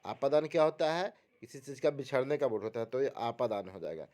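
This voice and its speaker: A man walks through multiple-choice exam questions one by one, his voice dark and mellow. He repeats each answer and keeps asking his listeners what it will be before answering himself. The pitch sits in the middle for a man. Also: a little fast. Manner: repetitive, asks the audience rhetorical questions. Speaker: exam prep teacher. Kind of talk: explaining quiz answers.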